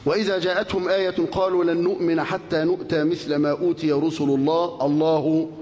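Fast, high-voiced Egyptian religious teacher. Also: male voice, a little hiss or hum. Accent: Egyptian Arabic. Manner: animated, asks listeners rhetorical questions, recites scripture. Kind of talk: colloquial religious lesson. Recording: long hall reverb.

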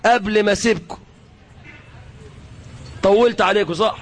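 Fiery high-voiced Egyptian preacher. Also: male voice, moderate pace, slight background noise. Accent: Egyptian Arabic. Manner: fiery, shouting prayers, switching between colloquial and formal Arabic. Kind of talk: rally speech to a crowd.

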